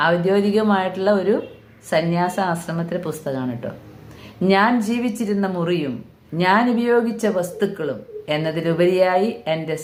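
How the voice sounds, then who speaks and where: A woman's voice: fairly low pitch, darkish tone. A woman giving an earnest sermon, repeating phrases for emphasis. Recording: echoey room.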